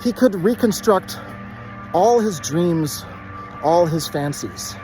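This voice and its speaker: Man reciting by rote, higher-pitched voice. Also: expressive, over music, rough recording. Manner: reciting by rote in short measured phrases. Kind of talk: literary recitation from memory.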